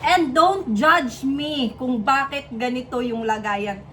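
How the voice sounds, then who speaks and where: Chatty Filipina mom vlogging at home. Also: female voice, high-pitched, slow, bright, forceful tone, slight background noise. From Philippines. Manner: chatty, self-mocking, playful asides. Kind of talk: casual vlog chat. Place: home kitchen.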